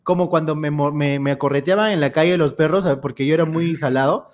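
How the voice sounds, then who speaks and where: A man's voice: on the high side, brisk. A young man telling slangy stories in casual chat with friends. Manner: slangy storytelling, mimics voices.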